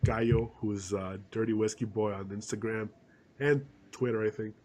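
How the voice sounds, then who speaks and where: A man co-hosting a podcast in casual chat, with a congested, slightly hoarse voice from a cold, rambling with fillers and restarts. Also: lowish voice, steady tone, normal speed, darkish tone. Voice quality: throat kinda hurts, slightly hoarse. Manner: rambling, many restarts and fillers, laughs often. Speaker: podcast co-host.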